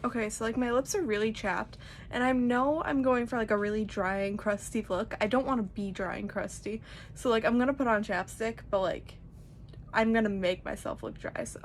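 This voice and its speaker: A woman's voice: a little high, normal speed. A young woman giving a casual, chatty tutorial, rambling informally with lots of "like". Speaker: makeup tutorial host.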